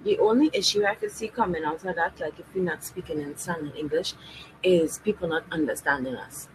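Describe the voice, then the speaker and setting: A woman with a Trinidadian accent talking casually on a podcast in a relaxed, conversational way. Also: low voice, a little fast, slight background noise, rough recording. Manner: relaxed, conversational, explaining her view.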